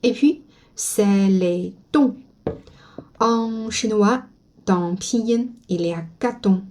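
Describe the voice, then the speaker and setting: A woman whose first language is Chinese, teaching pronunciation slowly and modeling each sound for learners to repeat. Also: mid-range voice, warm tone, slight background noise. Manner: slow and careful, models sounds for repetition. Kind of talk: slow spoken language lesson.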